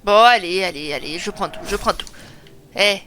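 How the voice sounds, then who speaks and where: A woman's voice: medium pitch, moderate pace, fairly bright tone, slight background noise. A woman giving chatty, self-mocking let's play commentary, thinking aloud as she plays. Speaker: gaming streamer. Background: game music.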